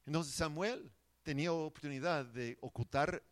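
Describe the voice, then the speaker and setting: A man's voice: a little high, moderate pace. A man preaching a sermon in an earnest, emphatic way, often restarting his words.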